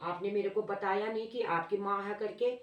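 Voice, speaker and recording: A woman's voice: mid-range voice, fairly even intonation, moderate pace, dull audio, close to an everyday voice. A woman voicing a panicked young wife who shrieks accusations at an intruder. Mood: alarmed. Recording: roomy echo, distant mic.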